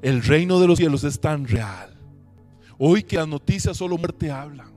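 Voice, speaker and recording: Pastor, slightly high voice. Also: male voice, measured pace, faint music behind. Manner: emotional storytelling, swinging between loud preaching and hushed recollection. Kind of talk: sermon with personal testimony. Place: church service.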